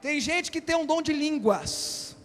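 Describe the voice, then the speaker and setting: A man preaching a sermon as a bishop, impassioned and often shouting in a church hall. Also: very high-pitched, lively intonation, a little slow, slight background noise. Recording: long hall reverb.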